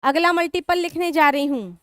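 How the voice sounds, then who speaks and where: A woman's voice: extremely high pitch, animated, normal speed, a bit bright, no echo, clean studio sound. A woman teaching a live online exam-prep class, mixing in English terms and asking students questions she answers herself. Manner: mixes Hindi with English terms.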